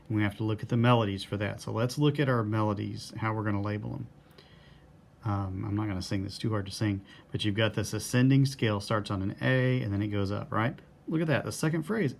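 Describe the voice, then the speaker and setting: A man's voice: fairly low pitch, vocal fry. A man teaching music theory in a recorded lesson, patiently walking through a score step by step and counting the bars aloud.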